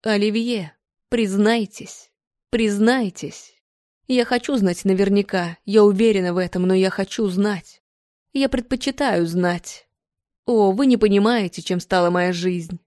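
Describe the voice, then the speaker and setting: A woman's voice: mid-range voice, unhurried, dry recording, studio quality, close to an everyday voice. A woman voicing a heartbroken aging countess. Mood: pleading. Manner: pleading, tearful and soft. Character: aging countess, pleading, heartbroken, desperate in love.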